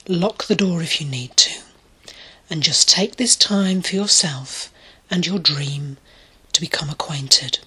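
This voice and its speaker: A woman leading a guided meditation in a soft, soothing voice that often drops to a breathy near-whisper. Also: deep voice. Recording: clear music bed behind the voice.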